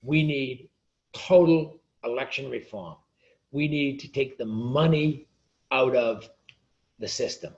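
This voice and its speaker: Gravelly-voiced man ranting passionately. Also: medium pitch, slow, darkish tone, lo-fi sound. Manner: passionate, ranting, repeats words. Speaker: author and guest. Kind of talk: casual interview chat.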